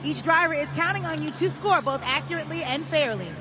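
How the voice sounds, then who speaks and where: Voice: high voice, fast, music in the background. An event announcer hyping the crowd and giving live instructions at a motorsport show. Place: outdoor stadium. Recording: noisy outdoor stadium with vehicle noise.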